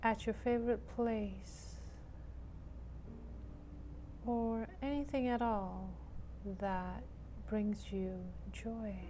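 A woman guides a meditation with a soft-edged, mellow tone. She speaks extremely slowly and gently, resting between phrases. There is some background noise under her voice. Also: on the high side, steady tone, rough recording. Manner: soothing, gentle, unhurried with long pauses.

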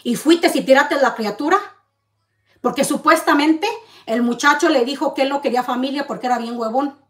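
A woman rants to camera in her vlog, accusing and bitter. Her voice sits high, and she stacks up hard rhetorical questions. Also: normal speed, fairly bright tone. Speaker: vlogger. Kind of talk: heated confrontational rant to camera.

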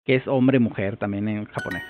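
A man's voice: fairly low pitch, brisk, a little hiss or hum. A man vlogging his first try at a new language, thinking aloud hesitantly and repeating phrases as he works them out. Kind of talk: casual thinking-aloud commentary. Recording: tinny phone-like sound.

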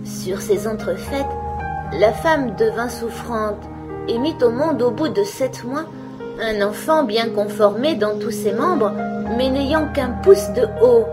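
A woman storyteller reading a fairy tale aloud in a gentle, measured way. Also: a little high, loud music behind the voice.

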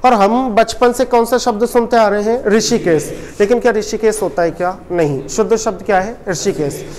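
Here a man with a high, steady, slightly mellow voice speaks fairly quickly while teaching a Hindi coaching class. He repeatedly quizzes the students and supplies the answers himself, drilling them call-and-response style through the lecture.

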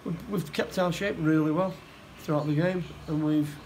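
A middle-aged man, a football manager, talks through a post-match interview indoors. His voice sits a little high, and he restarts and repeats words as he goes. A faint background hum runs under the recording. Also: fairly even intonation, a little mellow, poor audio. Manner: halting, repeats words, plain-spoken. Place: indoor room by a stadium door.

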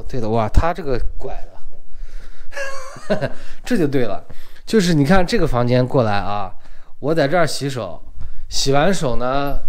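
A man giving a casual walk-through house tour as an agent, his articulation slightly muffled by a dental retainer. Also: mid-range voice. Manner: slightly muffled, imprecise speech from wearing dental braces or a retainer. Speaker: real estate agent and video host. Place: inside an empty house, walking from room to room.

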